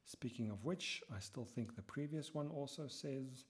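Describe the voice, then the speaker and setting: A male lecturer walks through a software tutorial one step at a time as he works, sometimes muttering lines to himself. His voice is mid-range and moderately paced, with keyboard typing audible behind him.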